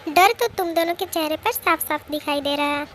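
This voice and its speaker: A woman's voice: high-pitched, normal speed, fairly bright tone, a little hiss or hum. A woman voicing a stern, teasing older brother who scolds and gives orders in a fan-made drama dub. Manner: scolding, commanding.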